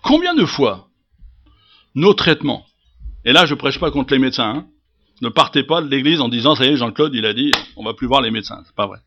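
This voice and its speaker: A man preaching a sermon to his congregation, swinging from loud emphasis to hushed asides and asking rhetorical questions. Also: mid-range voice, a little fast, lo-fi sound. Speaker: pastor.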